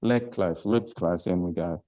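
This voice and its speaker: The audio is rough, but the older man's voice comes through low-pitched, warm and unhurried as he teaches Pilates in a live online class. Chatty yet hesitant, he fills his speech with fillers and restarts and groans with effort during the self-massage.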